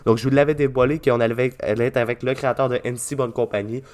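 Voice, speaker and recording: A man's voice: medium pitch, fairly even intonation, fast, darkish tone. A man with a Québécois French accent hosting a radio show, talking casually with many fillers and restarts. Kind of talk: casual radio talk and interview.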